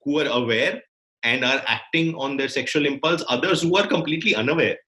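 Halting Indian man thinking aloud. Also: mid-range voice, pushed and bright, low-quality recording. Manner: halting, searching, repeats phrases as he thinks. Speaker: filmmaker. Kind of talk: reflective conversation.

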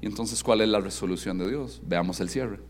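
A man preaching a sermon as pastor, animated and interactive, asking his congregation questions and dropping to soft, emphatic tones. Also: lowish voice, fairly quick, slight background noise. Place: church service with congregation.

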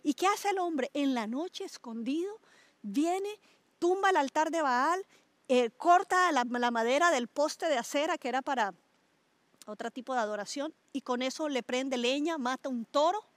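A woman's voice: high voice, normal speed, no echo. A middle-aged woman pastor from Colombia, preaching in a conversational way and asking her listeners questions. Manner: animated, asks listeners questions, stretches words for emphasis. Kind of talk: conversational sermon to a small group.

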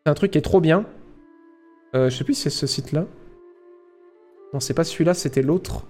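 A man's voice: a little high, moderate pace, a little mellow, faint music behind. A man chatting casually with his livestream audience, playful and talkative, tossing in little sound effects as he goes. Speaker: livestreamer answering chat.

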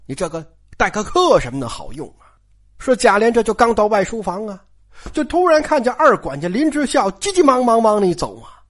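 A storyteller retelling a classic novel in a chatty, animated way, turning to the audience with asides and explanations. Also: medium pitch, brisk.

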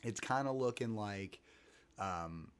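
On his laid-back sports podcast, a male host with a low-leaning, scratchy voice talks at a slow pace. He tends to ramble, cutting himself off and starting over many times.

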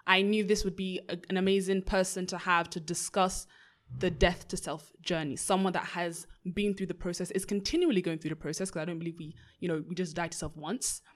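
A woman's voice: lowish voice, steady tone, fairly quick. Upbeat young woman podcast host. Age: young adult. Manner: upbeat, warm faith talk with frequent praise. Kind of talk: casual podcast conversation.

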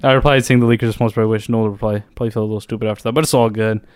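A man's voice: on the low side, fairly even intonation, very fast, clean tone, no echo, clean studio sound. A young man with a western Canadian accent, co-hosting a podcast in a casual, slangy, sweary style as he chats and reads out comments. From Surrey, British Columbia, Canada. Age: young adult. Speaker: podcast co-host. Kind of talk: casual chat, reading out comments.

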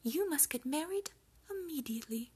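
A woman voicing a regal older queen, sly and knowing, in a soft, high whisper for an ASMR story. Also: expressive, moderate pace. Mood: sly sweetness.

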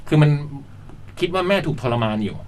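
A man talking in a relaxed chat about a film, hesitant and full of humming fillers. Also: on the high side, brisk. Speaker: film reviewer on a chat show. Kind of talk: casual chat. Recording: noisy recording.

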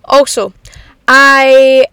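A young adult woman hosts a casual, confiding solo podcast full of animated slang and self-deprecating humour, recording from a parked car with rain on the roof. Her fairly high voice is close and dry, very slow, clear and resonant, with no echo.

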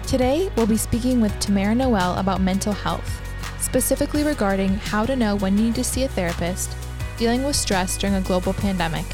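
A woman's voice: mid-range voice, brisk. Female podcast co-host, scripted read, mid-range voice over a music bed.

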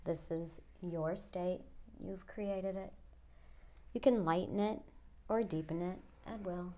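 A woman guiding a hypnosis induction as a hypnotist, speaking in a soft, soothing near-whisper with long pauses. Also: fairly low pitch, steady tone. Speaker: hypnotist guiding a relaxation session.

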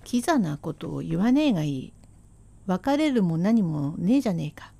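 A woman voicing a swaggering Edo shopkeeper husband who talks in rough slang, blustering and then hushing his wife, in rakugo storytelling. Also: fairly low pitch, big pitch swings, normal speed, pitched below the performer's own voice, exaggerated voice. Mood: gruff coaxing.

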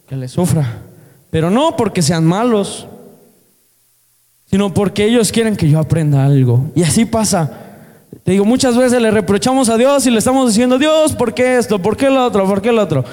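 A man's voice: high voice, mellow. A man with a Mexican accent preaching a sermon, earnestly asking the congregation questions. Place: church hall. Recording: long hall reverb.

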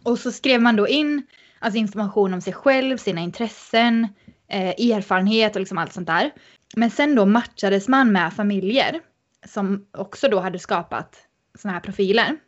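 A woman guest on a podcast, telling a story in an animated, casual way with many fillers. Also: medium pitch, lo-fi sound.

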